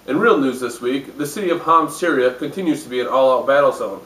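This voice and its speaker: A roomy, distant recording of a man acting as a jaded parody news anchor. He is hungover and sardonic, reading the news deadpan in a mid-pitched voice. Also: fast talker, lightly acted. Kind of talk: parody newscast. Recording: roomy echo, distant microphone.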